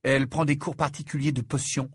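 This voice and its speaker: A man's voice: mid-range voice, level tone, brisk, husky, no room sound, clean studio sound, pitched above the performer's own voice, natural voice. A man voicing an exasperated, level-headed teenage boy wizard in a storybook reading, impatient and incredulous. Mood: placating.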